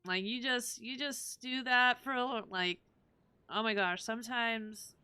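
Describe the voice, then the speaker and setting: Hey so southern gal streamer, bright crisp dry voice, just chattin and cussin over a game. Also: female voice, a little high, slow pace, no echo, faint music behind. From Southern United States. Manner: chatty, swears freely, reads game dialogue aloud. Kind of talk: casual gaming stream chat.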